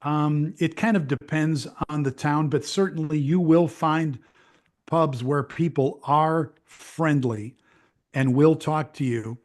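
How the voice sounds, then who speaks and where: Older American man, halting and repetitive. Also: a little high. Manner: talks in halting bursts with repeated words and restarts. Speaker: interview guest, veteran news broadcaster. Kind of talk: casual conversational interview.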